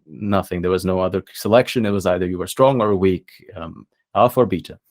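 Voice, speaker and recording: A young man from the Philippines, a podcast guest, talking casually and thoughtfully with many pauses and fillers. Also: sits low.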